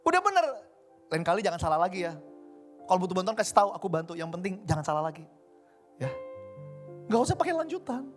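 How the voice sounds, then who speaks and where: A man's voice: sits high, expressive, fast, long pauses. A man preaching a conversational sermon, acting out everyday dialogue in different voices. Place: church service hall. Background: faint keyboard music.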